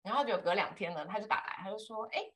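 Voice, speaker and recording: A woman's voice: mid-range voice, fast talker, fairly bright tone. A woman, co-hosting a casual chat and telling a rambling story full of fillers. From Taiwan. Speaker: podcast co-host.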